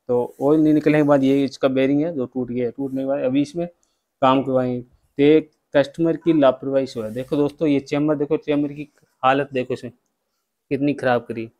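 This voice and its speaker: A man's voice: mid-range voice, a little mellow, highs cut off. A man, working as a bike mechanic, giving a step-by-step workshop repair tutorial and addressing viewers as friends.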